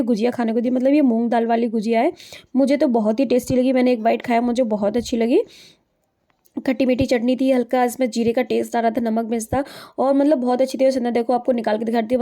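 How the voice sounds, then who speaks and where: Young woman, rambling daily-vlog narrator, brisk delivery, slightly high voice. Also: mellow. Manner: chatty, rambling, many fillers. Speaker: vlogger.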